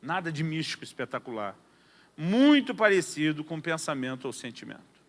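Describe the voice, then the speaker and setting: A man voicing a calm, patient older male mentor pastor inside his sermon story. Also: a little high, normal speed, voice pushed down. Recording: long hall reverb.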